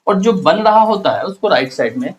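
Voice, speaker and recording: A man's voice: sits high, very animated, a little fast, slight background noise, rough recording. A male chemistry teacher, giving a classroom lecture and asking and answering his own questions as he explains step by step.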